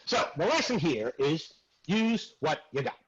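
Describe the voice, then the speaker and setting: An actor playing a brash, crude acting teacher in a comic stage monologue. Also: male voice, fairly high pitch, measured pace, husky, dull audio, heavily acted. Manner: crude, animated, swings between mutter and loud outbursts. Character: brash crude male acting teacher, former dead extra.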